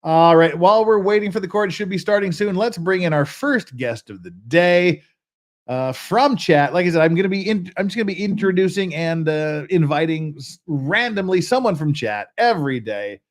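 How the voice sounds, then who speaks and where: A man's voice: high-pitched, expressive, moderate pace. An American man hosting a casual livestream, chatty and joking, often stopping himself mid-sentence. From United States. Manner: chatty, self-interrupting, joking. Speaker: livestream host.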